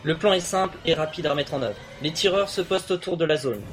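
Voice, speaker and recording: A man's voice: a little high, fast talker, voice pushed up, close to an everyday voice. A man voicing a cold, calculating male rebel leader who gives curt, commanding orders in a fan audio drama.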